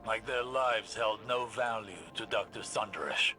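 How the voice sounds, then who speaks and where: A male actor voices a grave, cautious scholarly mentor in a video game drama, delivering lines in a deliberate, formal, thoughtful way. His voice sits on the low side, bright and forceful, with a troubled mood. Music plays in the background.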